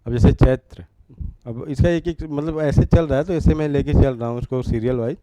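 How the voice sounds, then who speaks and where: A man's voice: mid-range voice, a little fast, background noise. A man teaching an exam-prep grammar lesson, repeating each word and asking rhetorical questions as he writes.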